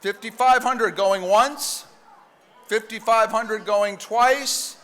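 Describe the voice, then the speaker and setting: A man's voice: sits high, steady tone, slow, pushed and bright. A man working as a live auctioneer, calling bids in a repetitive, commanding, jokey patter. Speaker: live auctioneer and event host. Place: large banquet hall at a fundraising dinner. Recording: echoey large hall PA.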